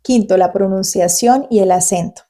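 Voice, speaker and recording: A Colombian woman in her forties who talks quickly and conversationally to the camera as a Spanish tutor hosting her own channel. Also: mid-range voice, warm tone, a little hiss or hum. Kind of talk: casual talk to camera.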